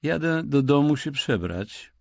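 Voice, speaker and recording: A man doing a drawling upper-class gentleman. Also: on the high side, very animated, a little slow, creaky, dry recording, clean studio sound, pitched above the performer's own voice, heavily acted. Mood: languid. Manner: drawling, affected.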